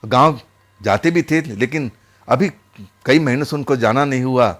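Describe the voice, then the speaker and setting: A man's voice: mid-range voice, moderate pace, a bit bright, faint music behind. A man narrating a horror story in a casual, conversational way, often repeating his phrases.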